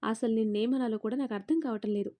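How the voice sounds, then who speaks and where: A woman's voice: a little high, fairly even intonation, fast, mellow, close to an everyday voice. A woman doing a haughty, taunting mother-in-law. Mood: scornful. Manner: taunting, scornful. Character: sharp-tongued middle-aged mother-in-law, haughty.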